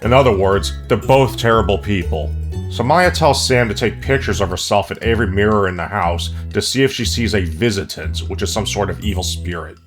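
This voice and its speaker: A man narrating a comedic movie review in a sarcastic, profane, deadpan way. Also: lowish voice, brisk, soft background music. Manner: snarky, profane, deadpan jokes.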